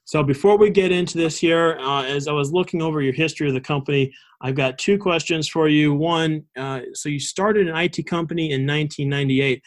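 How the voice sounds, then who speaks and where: Slightly high-voiced man hosting an interview. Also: brisk, few pauses. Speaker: show host. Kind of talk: conversational business interview.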